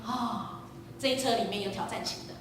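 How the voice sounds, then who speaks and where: A woman preacher giving a sermon, telling a lively story and quizzing the congregation. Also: medium pitch, fairly quick, slight background noise. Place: church sanctuary. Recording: echoey church hall, distant mic.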